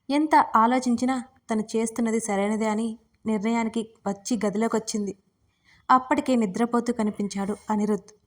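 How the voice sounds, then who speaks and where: A woman narrating a romance audio story with steady, expressive reading. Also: fairly high pitch.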